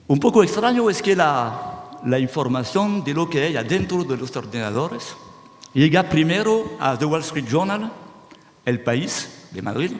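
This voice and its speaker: A man with a mid-range voice gives a lecture-style talk to an audience at a conference hall. He's animated, restarts words, and checks in with "¿sí?", while the hall sounds reverberant with faint noise.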